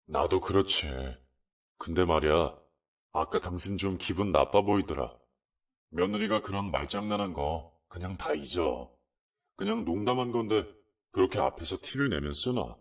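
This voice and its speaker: A man playing a patronizing young husband, low, gravelly, lively intonation. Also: moderate pace, distant mic, heavily acted. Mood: lecturing. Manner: lecturing, patronizing. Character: young husband, lecturing his wife.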